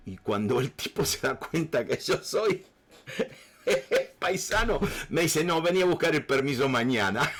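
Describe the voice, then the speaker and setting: A man preaching, at a middle pitch for a man. He tells a personal story in a loose, rambling way, stumbling over restarts and fillers as he goes. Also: fairly bright tone. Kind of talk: sermon storytelling.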